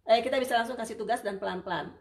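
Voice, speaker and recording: A woman therapist hosting a casual live-stream Q&A, chatty and warm with viewers, full of hesitations and fillers. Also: on the high side, rapid-fire, vocal fry. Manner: warm and apologetic toward viewers. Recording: roomy sound, distant from the mic.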